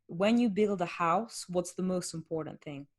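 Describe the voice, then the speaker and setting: A woman's voice: on the low side, normal speed. A woman, a fitness coach hosting a podcast, chatting candidly and explaining things with rhetorical questions. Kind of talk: casual podcast chat.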